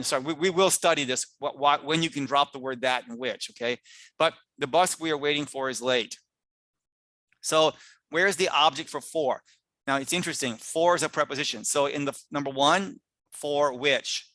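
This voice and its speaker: A middle-aged man giving a recorded grammar lecture, emphatic and lively, with frequent asides and self-corrections. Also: on the high side, no echo. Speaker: grammar teacher presenting a lecture.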